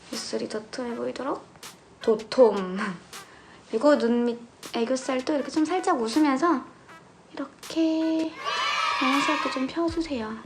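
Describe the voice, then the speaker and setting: A woman in her thirties with a slightly high voice, walking viewers through her daily makeup in a relaxed, gentle way. She talks in easy step-by-step instructions from her home, with soft music playing behind her. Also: gravelly. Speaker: makeup tutorial host. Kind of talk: casual makeup tutorial.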